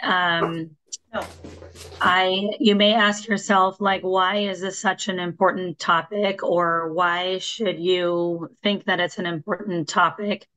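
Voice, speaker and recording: A woman's voice: fairly low pitch, fairly even intonation, slow pace, bright, forceful tone, poor audio. A woman real estate agent giving a meeting presentation while losing her voice, talking with many ums and restarts. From Washington state.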